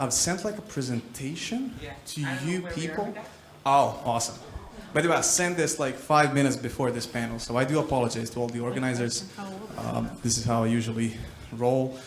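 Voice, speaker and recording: A man in his twenties from Croatia giving a casual, self-deprecating startup talk on a conference stage, full of fillers and jokes. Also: mid-range voice. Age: 20s. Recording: roomy hall with crowd.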